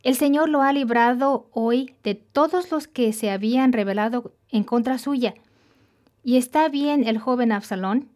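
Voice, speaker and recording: A woman's voice: fairly high pitch, measured pace, a little mellow, natural voice. Storybook: a formal male herald, read by a woman, announcing. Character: male messenger bringing news to a king.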